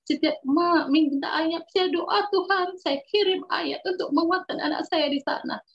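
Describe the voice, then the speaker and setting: A middle-aged woman with a very high, piercing voice gives an emotional personal testimony. She talks fervently and earnestly and circles back over the same words. The recording is dull and lo-fi. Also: moderate pace, gravelly. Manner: fervent, earnest, often repeats herself. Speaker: mother giving a personal testimony.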